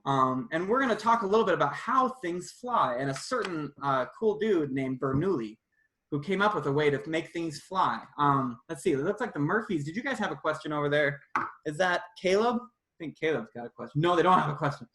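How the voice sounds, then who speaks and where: Chatting informally with children during a live online demonstration, a science presenter speaks in an expressive mid-range voice that's a little fast and fairly bright. The roomy indoor setting leaves an echo on the audio.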